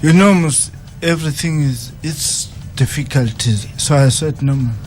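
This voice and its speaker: Slow, halting man. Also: fairly high pitch, darkish tone. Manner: halting, slow, repeats phrases. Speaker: boxing coach. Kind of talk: radio interview guest. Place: radio studio.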